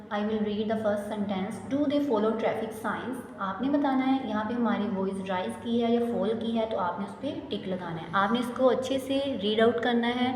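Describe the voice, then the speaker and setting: A woman teaching an English class to young students, reading the English slowly and explaining quickly in a mix of Hindi and English. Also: on the high side, a little mellow. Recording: echoey room with long reverb, faint background noise.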